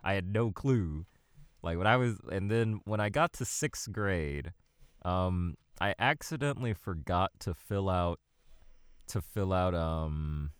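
A man, a podcast guest, telling a story in casual chat with animated, laughing delivery. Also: low voice, clean tone, dry recording, clean studio sound.

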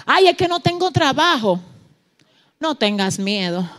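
Fervent high-voiced woman preacher. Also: sing-song, unhurried. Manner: swings from soft asides to shouted, fervent peaks; acts out dialogue in quoted voices. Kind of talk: Pentecostal-style sermon.

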